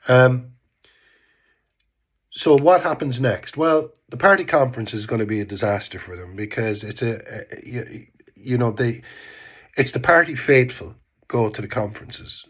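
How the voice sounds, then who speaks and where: A vlogger in his fifties, from Ireland and speaking with an Irish accent, talks from his home in Bristol while congested from a cold. His medium-pitched, slightly rough voice moves at an unhurried pace with lively intonation. He rambles through casual political commentary, repeating words and often trailing off with "type thing."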